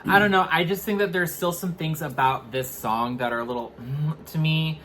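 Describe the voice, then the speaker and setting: Halting, candid man reviewing music. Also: fairly high pitch, a bit bright, slight background noise. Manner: hesitant, restarts often, candid and opinionated. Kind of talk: casual album review chat.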